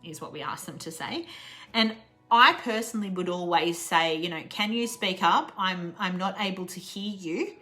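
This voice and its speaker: Bright-voiced Australian woman teaching English. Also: lowish voice, faint music behind. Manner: chatty, laughs often, repeats example phrases slowly. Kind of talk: casual online English lesson.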